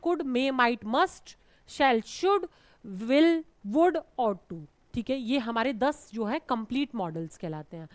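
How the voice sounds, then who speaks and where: Indian woman grammar teacher, high-pitched, patient explainer, dry recording. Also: no room sound. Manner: explains patiently, calls students "beta"; repeats and checks with "theek hai". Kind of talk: classroom grammar lesson.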